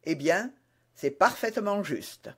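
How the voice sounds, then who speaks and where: A man voicing a calm, disdainful nobleman who speaks with unhurried irony. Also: sits high. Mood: mocking. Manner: ironic, insolent, unhurried.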